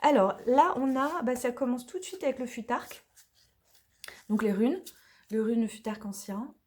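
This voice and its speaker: Femme chaleureuse qui présente un jeu de cartes. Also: female voice, fairly high pitch, normal speed, a little mellow. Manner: chatty, hesitant, many fillers, drops into whispers. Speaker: tarot and oracle card reviewer. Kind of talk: casual unboxing review.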